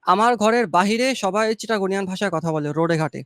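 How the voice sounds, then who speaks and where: A man from Chittagong with a Bangladeshi accent, a guest giving relaxed, encouraging advice in a casual interview. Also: sits high, a little fast, clean tone, no room sound, studio quality. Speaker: guest graphic designer.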